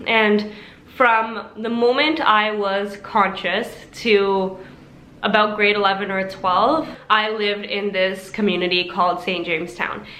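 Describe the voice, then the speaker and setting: A woman's voice: medium pitch, fairly even intonation, takes it slowly, pushed and bright, roomy sound, slight background noise, low-quality recording. A young woman from Toronto, talking casually to camera in a chatty way, full of asides. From Pakistan-born, raised in Toronto. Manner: chatty, lots of likes and asides. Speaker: vlogger.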